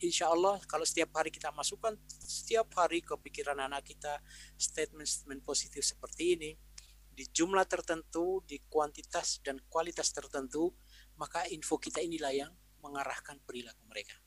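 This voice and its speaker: A man explains parenting ideas in a relaxed, conversational way and slips into the voices of parents and teachers as examples. His voice sits fairly high for a man. It is recorded dry and close over a video call microphone. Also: fairly quick, no room sound, poor audio. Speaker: Islamic parenting speaker. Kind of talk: webinar talk answering a question.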